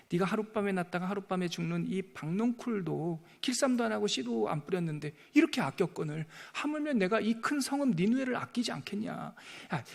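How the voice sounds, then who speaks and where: A pastor voicing God as a patient, fatherly deity who gently pleads and reproaches. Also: sits high, creaky, heavily acted.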